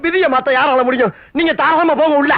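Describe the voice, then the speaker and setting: A man's voice: very high-pitched, fairly even intonation, fast talker, creaky, dry recording. An actor playing a wisecracking, sly father-in-law in a comic film with a lo-fi, dry soundtrack.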